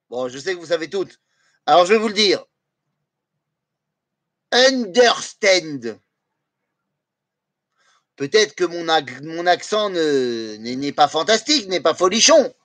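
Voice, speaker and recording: A man gives a Torah class in a high, animated voice that rises and falls with energy. He quizzes his listeners and weaves Hebrew phrases into his explanation. The recording is dry and close, with no room sound. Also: no room sound. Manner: lively, asks the audience questions, mixes in Hebrew phrases. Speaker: Torah teacher.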